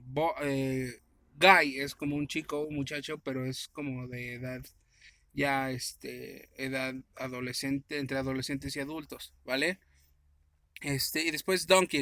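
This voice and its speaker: Man with a bright, dry voice teaching step by step. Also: medium pitch, no echo. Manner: explains step by step, asks and answers his own questions. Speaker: English teacher. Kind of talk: recorded grammar lesson.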